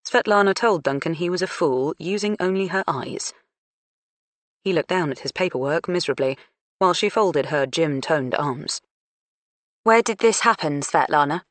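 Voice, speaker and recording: A woman narrating an audiobook in a measured, even storytelling manner. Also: low voice, dry recording. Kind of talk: scripted narration.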